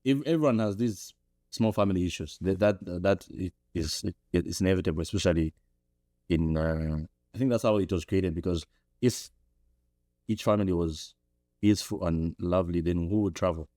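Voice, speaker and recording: On a studio podcast mic with a dry, clean studio sound, a young Zambian man speaks at normal speed as a guest. He reflects thoughtfully in interview fashion, often restarting, his pitch lifting when animated.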